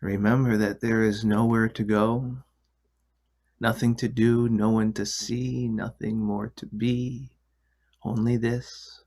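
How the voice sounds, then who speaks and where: A man leading a guided relaxation in a soft, soothing, hushed delivery that at times nears a whisper. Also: medium pitch. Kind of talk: guided meditation.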